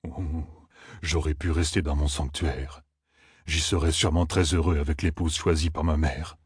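A man voicing a gentle, timid giant creature who speaks slowly and hesitantly. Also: extremely low pitch, breathy edge, no room sound, clean studio sound, voice pushed down, exaggerated voice. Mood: plaintive. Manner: slow, hesitant, mumbling. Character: gentle giant male Ogier scholar, timid.

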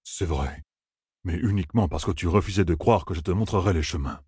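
A huge, soft-hearted Ogier from a fantasy storybook, anxious and pleading, voiced by a man narrating. The voice is low, husky and gently unsteady. It sounds dry and close-miked. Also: a little fast, no room sound. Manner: soft, pleading, slightly trembling.

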